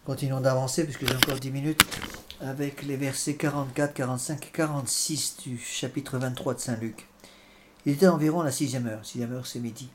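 A man preaching a sermon and commenting on scripture, often halting and repeating words with fillers. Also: medium pitch, fairly even intonation, noisy background. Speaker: priest.

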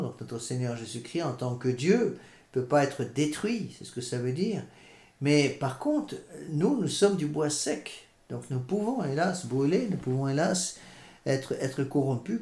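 A man preaching a sermon in French and reading scripture aloud, measured and hesitant, pausing on fillers. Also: medium pitch, mellow. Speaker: priest. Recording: echoey room.

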